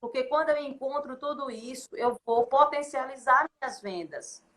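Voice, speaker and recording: A woman's voice: high-pitched, moderate pace, a bit bright. A woman, a consultant guest explaining her points in a didactic, list-like way on a podcast. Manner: didactic, lists points in repeated phrases.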